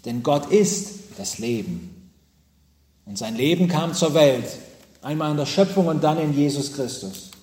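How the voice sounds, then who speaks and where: A man preaching a sermon from the pulpit to his congregation, telling stories with dramatic pauses and emphatic repetitions. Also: a little high, lively intonation, dark tone. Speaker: pastor. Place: church with pulpit. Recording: echoey church hall.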